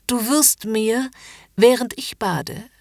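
A woman's voice: a little high, takes it slowly, a little mellow, dry recording, clean studio sound, pitched above the performer's own voice. A woman voicing a haughty, domineering upper-class lady in a commanding, mocking whispered role-play.

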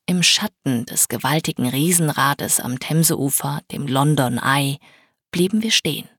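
A woman reads a first-person audiobook in a steady, even storytelling manner. Her voice has a husky, slightly breathy grain. It is recorded dry and close on a studio mic, with no room sound. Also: deep voice, measured pace, no room sound. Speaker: audiobook narrator. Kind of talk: scripted first-person narration.

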